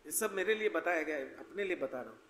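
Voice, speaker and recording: High-voiced man preaching in an echoey hall. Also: lively intonation, fast talker, vocal fry, fairly bright tone, slight background noise. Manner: conversational, anecdotal, wry. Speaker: preacher giving scripture class. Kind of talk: devotional lecture. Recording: echoey hall with faint ambience.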